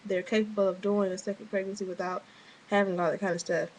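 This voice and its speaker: Young woman rambling thru a vlog update, lots of um and like, kinda fed up, medium pitch. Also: level tone, quick pace, darkish tone, a little hiss or hum, low-quality recording. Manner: rambling, frequent fillers and restarts; frustrated, offhand. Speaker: vlogger. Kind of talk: casual video diary update.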